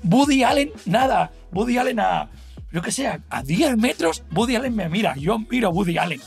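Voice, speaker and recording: High, gravelly Spanish man rambling animatedly. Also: normal speed, soft background music. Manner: rambling, animated, full of fillers and laughter. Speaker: guest telling an anecdote. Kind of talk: casual podcast storytelling.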